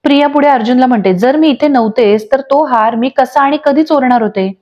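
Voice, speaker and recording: A woman's voice: high voice, brisk, highs cut off. A woman reading the lines of an accused young lawyer who insists on her innocence. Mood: insistent.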